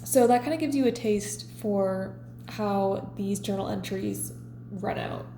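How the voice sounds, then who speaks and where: A woman in her twenties talks in a relaxed, confessional vlog chat. Her voice is mellow and soft-edged, with a little faint hiss underneath. The room sounds noticeably echoey. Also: mid-range voice, measured pace. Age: 20s. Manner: relaxed, chatty and confessional, reading her diary entries aloud. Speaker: vlogger. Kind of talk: casual chat.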